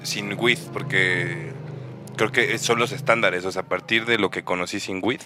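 A young man with a Mexican accent co-hosting a casual chat among friends, telling stories in slangy, animated bursts. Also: fairly low pitch, normal speed, over music. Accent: Mexican Spanish. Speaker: podcast co-host.

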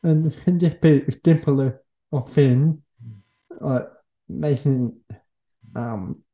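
A man hosting a casual podcast interview in halting, fragmented phrases. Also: medium pitch, dull audio. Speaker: podcast host.

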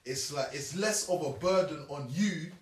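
A man's voice: a little high, unhurried. A young man with a London accent, chatting casually as he reasons through his points and repeats them for emphasis. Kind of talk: casual chat. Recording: echoey room, distant from mic.

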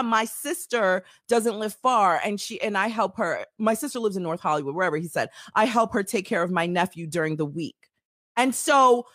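A woman's voice: mid-range voice, fairly bright tone, dry recording, studio quality. A woman co-hosting a podcast, telling a personal story in casual chat and acting out the quoted dialogue.

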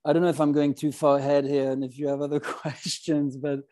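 His voice sits on the high side, level and warm, moving a little fast. This middle-aged company founder from French-speaking Switzerland speaks as an interview guest about his own life, in a hesitant, reflective, conversational manner.

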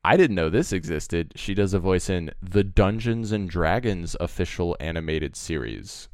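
A man's voice: deep voice, lively intonation, normal speed, a little mellow, no room sound, clean studio sound. A man co-hosting a podcast, chatting casually and enthusiastically about a cartoon's voice cast, rambling with fillers. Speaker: podcast co-host. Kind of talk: casual chat.

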